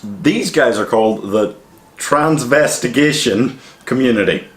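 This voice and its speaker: A man's voice: mid-range voice, animated, a little slow. A young man hosting a comedy podcast in casual banter, rambling and mock-earnest, swearing freely. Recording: echoey room.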